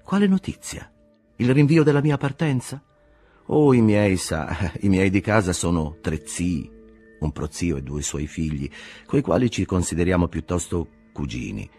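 A young, earnest German engineer, read by a man who explains his situation patiently and a little defensively. The voice is low and husky but moves a lot. Soft music runs faintly beneath. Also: animated, a little slow, heavily acted. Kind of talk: audiobook reading.

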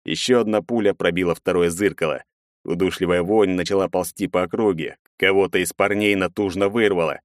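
A man's voice: deep voice, steady tone, brisk, dry recording, studio quality. A man narrating a first-person action audiobook with a dramatic reading.

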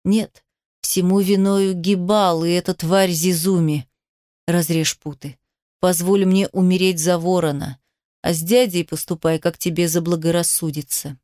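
A woman's voice: on the low side, steady tone, a little slow, a little mellow, dry recording, clean studio sound, natural voice. A woman voicing an aging male herald, a desperate traitor father who pleads and then spits insults. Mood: pleading.

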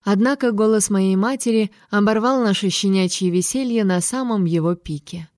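Brief: woman narrator, warm mellow tone, dry close sound, measured storytelling. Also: mid-range voice, no room sound. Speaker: audiobook narrator. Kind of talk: audiobook narration.

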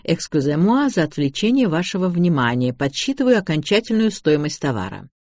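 A man reading an audiobook, voicing a pompous, fussy male furniture salesman with formal, drawn-out speech. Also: a little high, big pitch swings, darkish tone, no echo, studio quality. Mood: unctuous.

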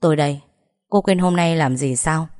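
Woman reading as a young man, curt, insistent, low-ish voice. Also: normal speed, darkish tone, lightly acted. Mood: firm.

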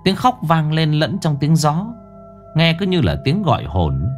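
A man's voice: on the high side, wildly swooping pitch, unhurried, soft background music. A man narrating a ghost story in a dramatic, suspenseful way.

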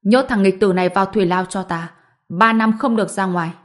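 A woman's voice: medium pitch, fairly quick, natural voice. A woman reading a dignified middle-aged male Taoist patriarch in an audiobook, courteous yet commanding. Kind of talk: audiobook narration.

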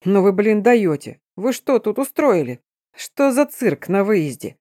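A woman's voice: mid-range voice, very animated, unhurried, warm tone, no echo, studio quality. A woman voicing a grumpy, swaggering male wizard with a street-thug manner. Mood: grumbling. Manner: grumbling, cocky.

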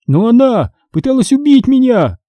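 A man voicing a frightened twelve-year-old boy in an audiobook, pleading and shouting. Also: high-pitched, very animated, moderate pace, dry recording, lo-fi sound, voice pushed up. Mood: desperate.

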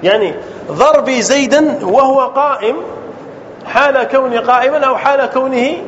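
A man's voice: extremely high pitch, normal speed. A man teaching Arabic grammar to a class, asking questions and often checking whether students understand. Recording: dull lo-fi classroom recording with faint noise.

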